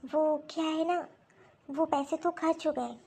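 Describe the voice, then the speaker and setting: A woman voicing a stubborn, defensive wife in an animated story, arguing back defiantly. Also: sits high, measured pace, gravelly, very noisy. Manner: defiant and argumentative. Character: defensive young wife and mother, lying and stubborn.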